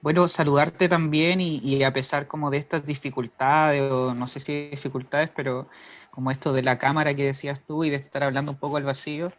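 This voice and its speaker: A man's voice: on the high side, level tone, a little fast, dull audio. A man, an interviewer asking long, winding questions that he corrects as he goes, over a video call.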